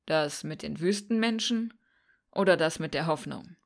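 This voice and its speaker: A woman's voice: sits low, normal speed, vocal fry. Woman reading a dry, cynical young man. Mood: calm. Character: cynical young man from the slums, calm and wry.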